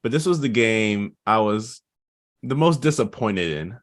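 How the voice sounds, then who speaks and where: A man's voice: lowish voice, animated, a little slow, no echo, studio quality. A man co-hosting a gaming podcast, joking around and ribbing the others. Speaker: podcast co-host. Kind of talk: casual gaming chat.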